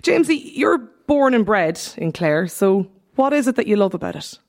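A woman's voice: mid-range voice, sing-song, moderate pace, darkish tone. A woman with an Irish accent, interviewing guests conversationally as a radio host.

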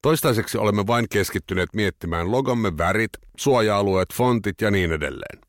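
A man narrating a scripted essay for his podcast in a measured, reflective way. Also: lowish voice, animated, no room sound, clean studio sound.

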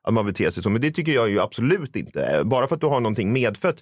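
A man's voice: mid-range voice, big pitch swings, no room sound, clean studio sound. A man talking casually on a podcast, earnest and opinionated. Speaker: podcast co-host. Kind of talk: casual chat.

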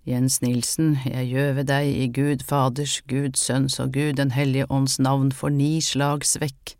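A reader doing a gruff old healer woman. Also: mid-range voice, flat delivery, darkish tone, no echo, studio quality, lightly acted. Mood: stern. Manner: gruff, matter-of-fact commands. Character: stern old woman folk healer, brusque. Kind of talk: audiobook character reading.

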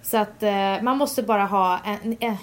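A woman co-hosting a podcast in casual chat, telling a story and acting out the quotes with lively energy. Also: medium pitch. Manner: animated storytelling, acts out quotes. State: pregnant. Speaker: podcast co-host.

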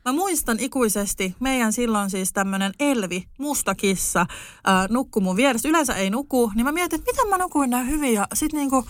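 Lively young woman telling a story. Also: dry recording. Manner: animated, lively storyteller with sudden high outbursts. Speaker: podcast host. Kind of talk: casual storytelling chat.

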